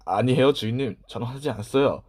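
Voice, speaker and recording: A man voicing an eager, polite young boy servant in a children's storybook, loud and earnest. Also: mid-range voice, quick pace, slightly rough, lightly acted. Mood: protesting.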